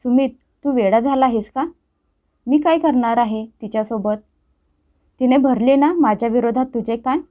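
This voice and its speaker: A woman's voice: fairly high pitch, moderate pace, mellow, natural voice. A woman voicing a scheming sister who talks in a defensive, self-pitying way, in a story reading with a dull sound.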